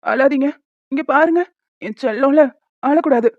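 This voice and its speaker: A woman voicing a grieving young father who tenderly coos to his crying newborn son in a small animated drama, recorded dry and a bit dull. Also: fairly high pitch, fairly quick, dry recording, natural voice. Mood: tender, tearful. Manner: tender, tearful cooing.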